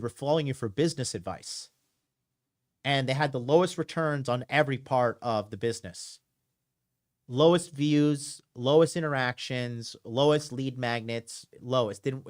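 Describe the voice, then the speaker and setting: A man in his late thirties hosting a call-in advice show, emphatic and repetitive, often checking in with "okay". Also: mid-range voice. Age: 30s. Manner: emphatic, repeats himself, says okay a lot. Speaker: call-in show host and dating coach. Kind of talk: casual call-in advice talk.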